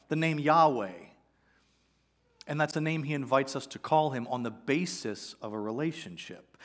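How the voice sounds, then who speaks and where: A man in his forties, a pastor giving a conversational, animated sermon on a church stage with a headset mic. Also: mid-range voice. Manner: conversational, animated preaching with gestures. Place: church sanctuary stage, indoors.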